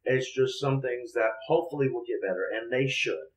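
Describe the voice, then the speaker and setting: A man's voice: mid-range voice, a little fast, reverberant, low-quality recording. A man hosting a casual gaming podcast over voice chat, rambling and thinking aloud as he talks. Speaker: podcast host. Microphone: voice chat over Discord.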